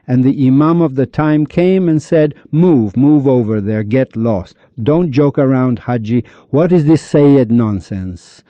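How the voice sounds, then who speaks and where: A man from Iran giving a heated, upset religious monologue, scolding listeners with insults and rapid-fire rhetorical questions. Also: medium pitch, no echo. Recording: dull lo-fi recording.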